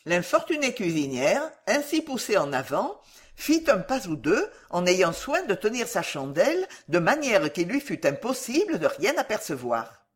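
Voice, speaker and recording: Husky, lively woman reading a story. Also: mid-range voice, normal speed. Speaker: audiobook reader. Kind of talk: scripted narration of a classic novel.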